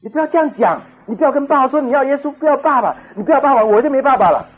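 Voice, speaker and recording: A tearful young girl begs in a high, strained voice, as a male preacher puts her on. She sounds distraught and urgent, and the recording is slightly dull. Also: lively intonation, very fast. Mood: pleading. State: crying.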